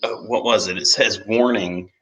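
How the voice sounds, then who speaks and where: A man's voice: low-pitched, brisk, pushed and bright, low-quality recording. A man co-hosting a casual livestream, jokey and sarcastic, with many fillers.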